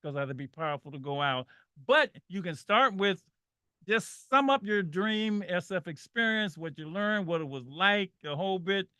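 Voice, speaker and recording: A man from Saint Louis hosts a radio talk show with a casual, chatty manner. His voice is bright and fairly high, and the sound is dry and close. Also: expressive, normal speed, clean tone, dry recording. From Saint Louis, Missouri. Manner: warm, chatty, folksy asides. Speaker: radio host. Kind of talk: casual interview.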